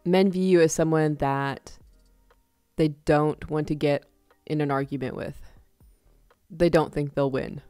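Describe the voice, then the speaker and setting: Low, warm-voiced woman reading tarot. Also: steady tone, clean tone, dry recording, soft background music. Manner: chatty, laughs often, acts out quick examples. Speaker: tarot reader. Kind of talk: casual tarot reading to camera.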